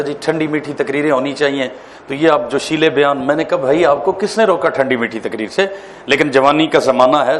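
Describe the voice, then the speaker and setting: A man, a mufti, giving an animated classroom lecture on public speaking, quizzing his listeners and telling jokes. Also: fairly high pitch, slight background noise. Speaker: mufti teaching a course. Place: lecture hall.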